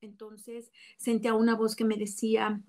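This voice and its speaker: Flat-voiced woman giving testimony. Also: on the high side, normal speed. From Mexico. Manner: reflective, earnest, with small restarts. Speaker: testimony speaker. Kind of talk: personal religious testimony.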